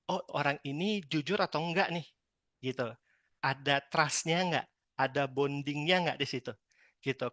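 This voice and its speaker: Man, from medan, lively sales trainer, slightly high voice, dry slightly muffled sound. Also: no room sound. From Medan, Indonesia. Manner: lively, chatty, acts out customer lines. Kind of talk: training talk on customer service.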